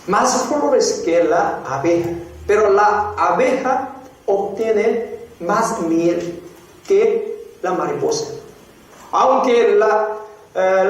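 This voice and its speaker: High-voiced pastor in a very echoey hall. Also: male voice, recorded from a distance. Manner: slow, repeats phrases, frequent "eh?" prompts to the congregation. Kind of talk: sermon teaching. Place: church hall.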